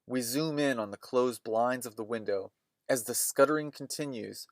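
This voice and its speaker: A man's voice: mid-range voice, moderate pace, dry recording, clean studio sound. A man hosting a movie podcast, retelling scenes in a rambling, opinionated way. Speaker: podcast host.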